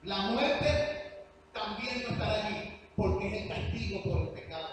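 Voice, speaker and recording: A man preaching a sermon in church, earnest and emphatic, moving between soft passages and loud ones. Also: sits high, expressive, normal speed, soft background music. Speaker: pastor. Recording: echoey church hall, distant mic, hum.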